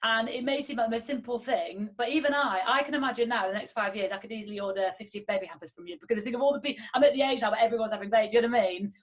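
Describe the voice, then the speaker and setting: A woman in her thirties hosts a casual podcast chat with a rapid, tumbling delivery. Her voice sits deep for a woman, and she keeps things encouraging, peppering her points with fillers. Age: 30s. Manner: chatty and encouraging, quick with fillers like "like" and "um". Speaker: podcast host.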